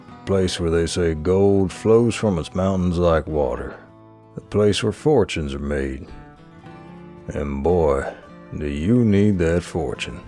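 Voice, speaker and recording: A man narrating a game in a measured, storytelling delivery. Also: low voice, a little mellow, heavily acted. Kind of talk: scripted second-person narration.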